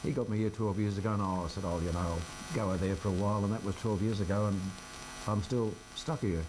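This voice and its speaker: In casual interview chat at a radio studio, an older local radio presenter from Australia speaks fast in a voice on the low side, his tone steady. He's wry and self-deprecating, and the background is noisy.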